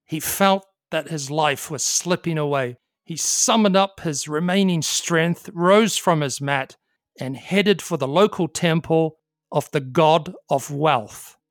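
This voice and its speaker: A storyteller narrating a folk tale in a measured way, sometimes stepping aside to explain. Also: mid-range voice, no room sound, clean studio sound.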